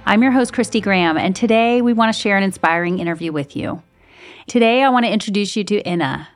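A woman's voice: mid-range voice, fast, faint music behind. A woman hosting an interview show, encouraging her guest with frequent affirming murmurs. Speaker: podcast host.

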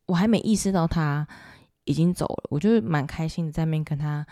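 A woman's voice: low-pitched, a little fast, mellow, dry recording, studio quality. A woman podcast host with a Taiwanese Mandarin accent, telling a personal story in an emotional, confiding way. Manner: emotional, confiding, keeps asking "you know?".

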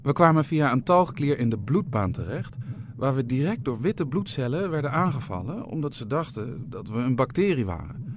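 A man reading a children's adventure story aloud with an expressive, playful delivery. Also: medium pitch, normal speed, background noise.

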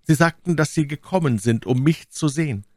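A man voicing a cold, mocking English lord in an audiobook reading, with coolly sarcastic, measured threats. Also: fairly high pitch, no room sound, studio quality, pitched above the performer's own voice, natural voice. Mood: ironic.

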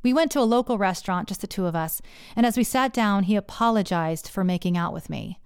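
A woman's voice: mid-range voice, fairly quick, smooth, no echo, studio quality. A woman telling a first-person story in a candid, profane way, acting out the voices she quotes.

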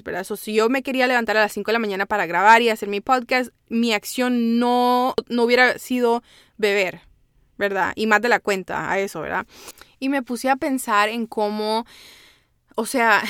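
Woman, podcast host, casual code-switching monologue, smooth clear voice, dry close sound. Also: a little high, a bit bright, dry recording. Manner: chatty, switches between Spanish and English, many "¿verdad?" tags.

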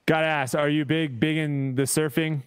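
Smooth-voiced upbeat male podcast host. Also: fairly high pitch, little pitch movement. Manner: chatty, upbeat, quick bursts. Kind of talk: casual podcast interview.

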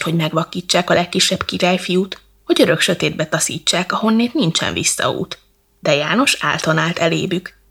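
Woman storyteller, bedtime verse, gravelly and very husky, lowish. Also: a bit bright. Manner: slow, rhythmic verse reading.

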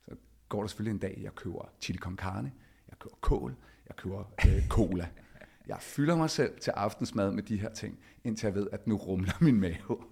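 Gravelly low-voiced man telling a story. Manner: animated, acts out quoted dialogue. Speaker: podcast host. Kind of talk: personal storytelling.

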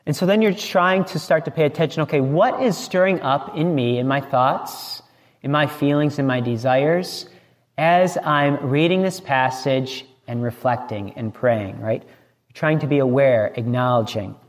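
Preacher in a reverberant hall. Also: male voice, mid-range voice, a little slow. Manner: conversational, frequently asks "right?". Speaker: priest. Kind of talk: sermon. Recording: long reverb in a large hall.

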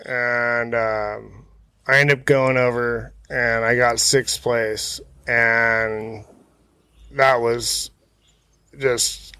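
A man's voice: medium pitch, level tone, drawn-out words, pushed and bright, smooth, dry recording. A man, chatting in a laid-back, slangy, hesitant way as an interview guest. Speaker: interview guest, motorcycle hill climb rider. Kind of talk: casual chat, telling racing stories. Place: outdoors in a backyard.

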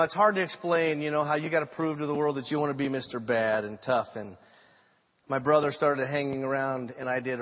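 An older man preaching a sermon, telling a story with dramatic swings from loud declarations to hushed, quiet lines. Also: mid-range voice. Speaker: pastor. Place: church sanctuary. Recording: muffled sound with long reverb in a large room.

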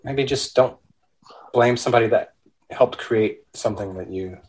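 A man's voice: medium pitch, moderate pace, a little mellow. Laid-back man podcasting over a call. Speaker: podcast co-host. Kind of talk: casual podcast chat, remote call.

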